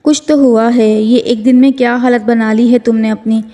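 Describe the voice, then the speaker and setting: A woman's voice: fairly high pitch, fairly even intonation, dark tone, lightly acted. A woman reading the part of a fiery young woman friend who scolds and fusses, in a story reading. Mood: concerned. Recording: long hall reverb.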